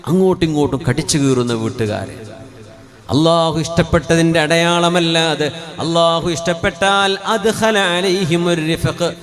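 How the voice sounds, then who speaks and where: A man delivers a religious sermon into a microphone. His voice sits a little high, and his tone is conversational, full of rhetorical questions. Now and then he slows down into a melodic chant of Arabic phrases. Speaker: Islamic preacher.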